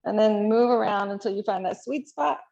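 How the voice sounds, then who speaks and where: Gravelly-voiced woman leading yoga. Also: mid-range voice, normal speed, muffled recording. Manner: calm, encouraging cueing of poses. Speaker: yoga instructor. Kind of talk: guided yoga class instruction.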